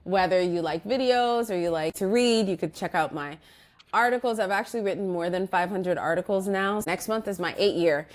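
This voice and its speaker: A woman with a mid-range voice, speaking at normal speed, is the guest in an interview, an organizational psychologist. She talks reflectively in loose sentences, often restarting and filling gaps with "like" and "you know."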